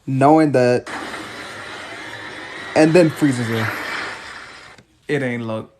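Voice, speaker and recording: A man's voice: medium pitch, extremely slow, background noise. Man breaking down a scene. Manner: explaining step by step. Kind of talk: casual commentary.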